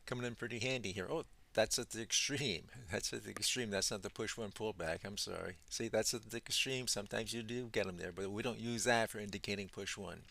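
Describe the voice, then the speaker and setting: A low-pitched man with a gravelly edge to his voice, talking through a chart walkthrough as a trading instructor. He works through it unhurriedly and thinks aloud, with plenty of "uh"s, restarts and small self-corrections. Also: fairly quick, hardly any pauses, bright, forceful tone. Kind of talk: screen-share chart walkthrough.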